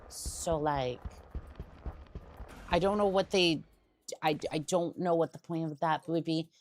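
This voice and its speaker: A woman's voice: lowish voice, a little hiss or hum. A young adult woman streamer chatting casually while playing a game, rambling and often restarting her sentences. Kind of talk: casual gaming stream chat.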